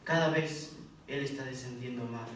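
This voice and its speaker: A man preaching a sermon, reading scripture in loud emphatic bursts and dropping low for quieter asides. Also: steady tone, moderate pace. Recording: echoey hall from far off, faint noise.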